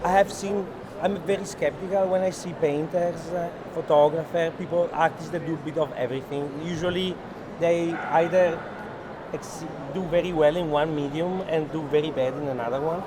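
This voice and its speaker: A gallery owner speaks in a slightly high voice with fairly even intonation and moderate pace, earnestly explaining things during an unscripted walking tour. His English is hesitant and non-native, and the indoor fair hall is noisy and crowded.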